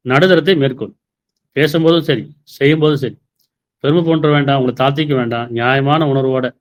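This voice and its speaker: A man giving a sermon, explaining scripture verses and asking rhetorical questions. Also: fairly high pitch. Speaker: preacher.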